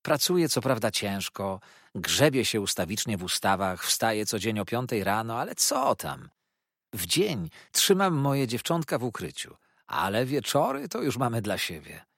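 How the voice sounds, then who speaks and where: A man's voice: lowish voice, very animated, moderate pace, gravelly, fairly bright tone, no echo, clean studio sound, exaggerated voice. A man reading an audiobook, voicing a cheerful young male lawyer who rambles eagerly about his new marriage. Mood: effusive.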